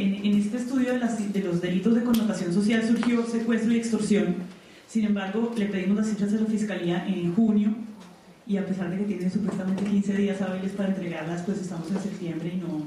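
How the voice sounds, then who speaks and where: Recorded from afar in a highly reverberant conference hall with faint background noise, a panel presenter from Colombia gives a seminar talk. She explains in a conversational way, stopping frequently to think. Her voice is mellow, medium-pitched, and steady, at a normal speed.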